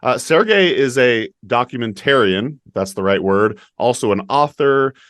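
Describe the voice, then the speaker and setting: A man's voice: medium pitch, lively intonation, moderate pace, fairly bright tone, no echo, studio quality. A man in his thirties from Oregon, hosting an interview podcast with an eager, friendly way of asking questions. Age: 30s. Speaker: podcast host. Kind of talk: conversational interview.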